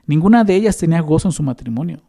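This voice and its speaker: A man's voice: a little high, animated, rapid-fire, creaky, warm tone. A man with a Mexican accent preaching a sermon as a pastor, conversational and often adding tag questions to the listeners. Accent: Mexican Spanish.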